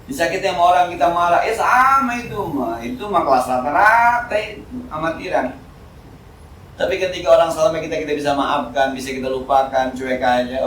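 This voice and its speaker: A man with a Jakarta Betawi accent giving an informal, joking sermon at a mosque study session, swinging between loud and soft. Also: on the high side, slight background noise. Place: mosque hall. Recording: echoey hall, speaker far from mic.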